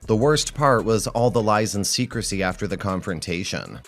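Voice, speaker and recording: A man with a fairly low voice narrates personal stories from a script. He reads them in the first person as a storyteller. Soft music plays faintly behind him. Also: lively intonation, moderate pace. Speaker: narrator reading online relationship stories and commenting.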